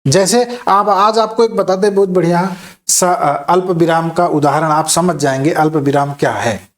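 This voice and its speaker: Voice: medium pitch, moderate pace. A teacher giving an exam-prep grammar lecture, explaining step by step and often checking in with listeners. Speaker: Hindi teacher.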